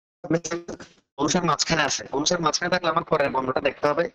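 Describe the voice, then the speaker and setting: A man's voice: fairly high pitch, steady tone, fast talker, a bit bright. A man teaching an online class on a video call, patiently drilling sounds one by one.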